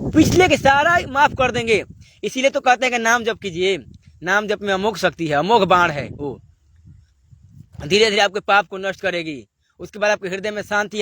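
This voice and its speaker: A man preaching a devotional sermon, pressing his listeners with one rhetorical question after another. His voice sits high and sounds bright and clear. A faint hiss runs under the recording. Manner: exhorting, asks rhetorical questions. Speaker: spiritual preacher.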